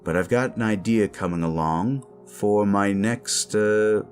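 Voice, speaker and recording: The creator and host of an audio channel gives a relaxed outro to his listeners. His voice is fairly low and a little slow, with faint music in the background.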